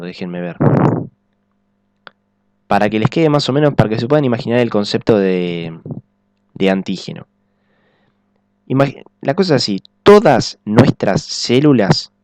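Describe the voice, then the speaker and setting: A man's voice: fairly low pitch, a little mellow, no room sound. A man giving a recorded biology lecture, explaining step by step and checking in often with the class. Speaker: teacher.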